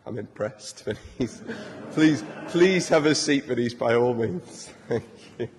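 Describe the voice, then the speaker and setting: A man's voice: mid-range voice, expressive, slow pace, slight background noise. A young man preaching a sermon in a church, conversational and joking. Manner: warm, conversational, self-deprecating humor. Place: large church. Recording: long church reverb.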